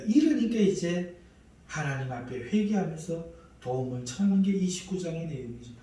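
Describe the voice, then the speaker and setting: A male pastor with a fairly high voice preaches a sermon, retelling scripture in lively, colloquial terms. The sound is heavily reverberant, like a big church hall, with the mic set well back from him. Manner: animated storytelling, explains scripture in everyday talk. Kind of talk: sermon at a prayer meeting. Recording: echoey hall, distant mic.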